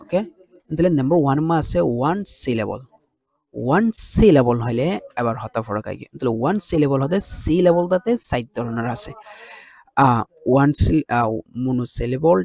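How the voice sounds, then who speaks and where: Gravelly-voiced man teaching English grammar. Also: mid-range voice, lively intonation, moderate pace, a little mellow. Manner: explains step by step, often checks understanding. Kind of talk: lesson in a regional dialect mixing English terms.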